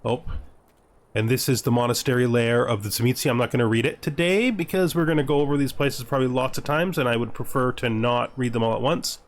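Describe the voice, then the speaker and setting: A little hiss or hum sits under this man's medium-pitched, brisk voice as he plays a game on video. He keeps up a casual let's-play commentary of short out-loud thoughts, first-person role-playing, and the occasional line of game text read aloud.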